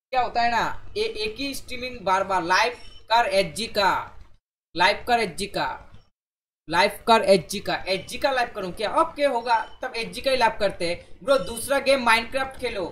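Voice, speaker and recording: A man's voice: very high voice, a bit bright, a little hiss or hum. A man chatting casually on a live game stream, bantering with viewers and teammates and dropping into English phrases.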